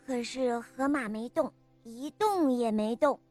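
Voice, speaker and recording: A woman narrating a children's story with a lively, expressive reading. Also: a little high, a little slow, soft background music.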